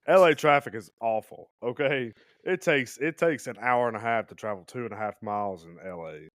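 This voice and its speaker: A man's voice: medium pitch, fairly quick, a bit bright, no room sound, studio quality. A man co-hosting a casual movie podcast, arguing a point incredulously and joking. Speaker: podcast co-host.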